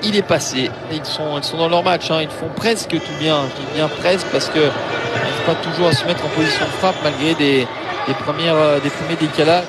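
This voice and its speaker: A man giving live football match commentary in halting phrases, often repeating words. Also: fairly high pitch. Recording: loud stadium crowd and noise. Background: football stadium crowd.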